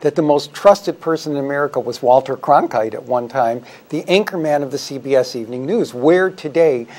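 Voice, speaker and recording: A man speaking as a historian guest on a talk show, explaining in a measured, articulate way. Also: medium pitch, darkish tone. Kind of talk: explanatory interview answers.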